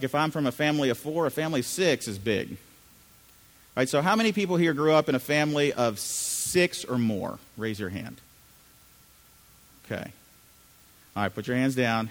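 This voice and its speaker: A middle-aged man from Chile preaching a conversational sermon to a congregation in a church, asking them questions. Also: mid-range voice. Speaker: pastor. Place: church sanctuary. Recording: reverberant hall.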